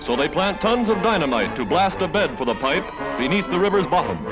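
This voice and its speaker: A man's voice: a little high, big pitch swings, a little fast. A man narrating a 1940s newsreel in a dramatic announcer manner. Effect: old newsreel audio. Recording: lo-fi old newsreel with music behind.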